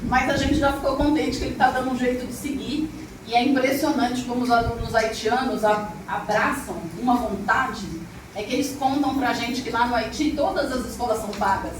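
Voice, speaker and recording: A middle-aged woman, storyteller and arts teacher, shares stories expressively and speaks directly with her live audience. Her slightly high voice keeps a steady tone at normal speed, recorded from a distance in an echoey, noisy room.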